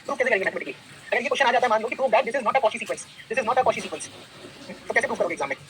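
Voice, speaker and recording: Male math lecturer, quick bright delivery, quizzes the class, faint hiss behind. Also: extremely high pitch, low-quality recording. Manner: lively, quizzing students with repeated questions. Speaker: math teacher. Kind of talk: classroom lecture, mixing Hindi and English.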